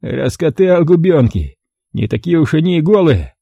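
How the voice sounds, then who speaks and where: A man reading an audiobook, voicing a sullen, hungry male thug with a hoarse voice. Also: fairly high pitch, big pitch swings, normal speed, mellow, dry recording, muffled recording, voice pushed up, full character voice. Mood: grumbling. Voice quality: hoarse, gravelly.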